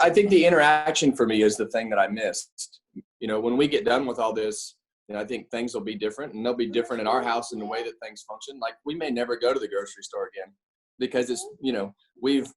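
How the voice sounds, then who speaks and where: Relaxed man chatting over a video call. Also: medium pitch, quick pace. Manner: relaxed, rambling, many fillers and restarts. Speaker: race car driver, interview guest. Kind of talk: casual video-call interview from home. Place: at home with his children nearby.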